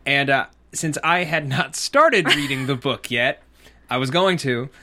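Animated young man hosting a recap. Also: mid-range voice, measured pace. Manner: animated, jokey, breaks into goofy sing-song bits. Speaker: host. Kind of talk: casual TV recap chat.

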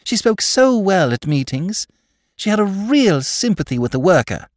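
A man voicing an eager, gushing young woman activist in a storybook reading, high and breathless. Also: big pitch swings, moderate pace, no echo, clean studio sound.

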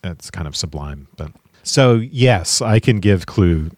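Man, deep low voice, musing podcast co-host, dry close sound. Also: animated, slow, darkish tone, dry recording. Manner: musing, thinks aloud with restarts. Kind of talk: casual chat about films.

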